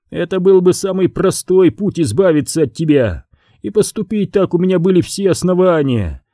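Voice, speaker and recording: A man's voice: high-pitched, mellow, dry recording, clean studio sound, pitched above the performer's own voice. A man reading an audiobook, voicing a bitter, theatrical young man who mocks and despairs. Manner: mocking, theatrical, swings to anguish. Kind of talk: audiobook character voice.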